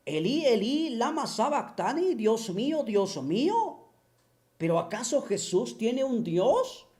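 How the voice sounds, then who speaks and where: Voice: medium pitch, very animated, takes it slowly, darkish tone. A speaker giving a mocking monologue, firing taunting rhetorical questions over and over with scornful chuckles. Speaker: online religion critic.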